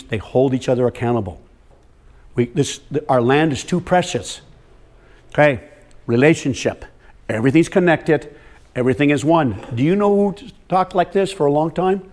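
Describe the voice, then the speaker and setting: A soil health speaker lectures farmers in a medium-pitched, a little mellow voice. He is emphatic and direct, repeating words for stress as he walks around the room and calls on the audience.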